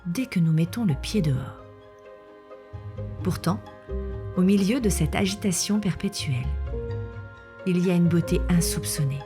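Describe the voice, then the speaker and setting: A woman reading scripted nature documentary narration in a measured, explanatory way. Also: lowish voice. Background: background music.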